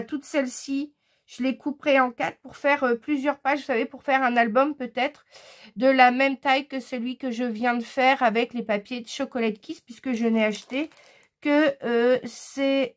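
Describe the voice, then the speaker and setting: In a casual haul video, a woman shows off her scrapbooking purchases, sounding enthusiastic but hesitant and often pausing on "euh." Her voice is on the high side.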